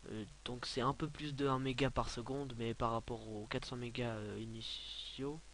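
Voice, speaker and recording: A young man giving a casual, rambling software tutorial, filling his talk with hesitations and offhand asides. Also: mid-range voice, flat delivery, normal speed, noisy background. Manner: rambling, many filler sounds, offhand asides. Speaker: tutorial maker.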